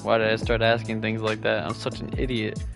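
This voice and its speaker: Man voicing a jittery young narrator, gravelly edge, stammers, game music behind. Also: lowish voice, monotone, a little fast. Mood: narrating.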